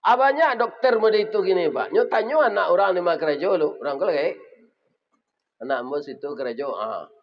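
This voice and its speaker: Brief: male preacher, Minangkabau accent, lively storyteller with loud bursts, fairly high voice, dull lo-fi sound. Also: brisk. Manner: animated storytelling with sudden loud exclamations. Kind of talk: humorous sermon. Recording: reverberant hall, dull lo-fi sound.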